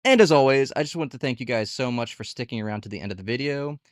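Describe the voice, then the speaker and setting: Here the gig-platform reviewer talks quickly at a medium pitch, keeping his tutorial casual, candid, and full of rhetorical questions. There's no room sound, just clean studio audio.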